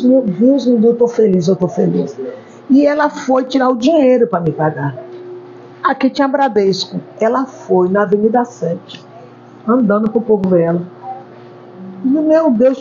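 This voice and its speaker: A warm, medium-pitched woman, a hair stylist, tells stories in an interview and repeats words for emphasis. The recording is dull and lo-fi, with faint background noise.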